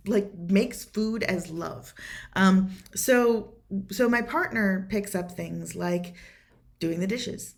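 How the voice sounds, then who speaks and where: A woman's voice: lowish voice, creaky. A woman hosting a podcast, talking earnestly in a casual personal monologue, rambling with many fillers and restarts. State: choked up with emotion at times. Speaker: podcast host answering a listener question.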